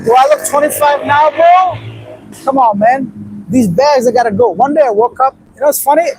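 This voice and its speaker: A very high-pitched, darkish voice at normal speed comes from a man in his late thirties from Afghanistan, bluntly rambling as he reacts to viewer comments on a casual livestream. The audio is poor, with slight background noise.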